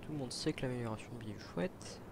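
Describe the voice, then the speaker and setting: A man giving relaxed, chatty commentary over his own gameplay, with bursts of excitement. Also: mid-range voice, fast talker, creaky, noisy background. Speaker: gaming commentator. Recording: game sound effects and gunfire behind. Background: naval battle game audio.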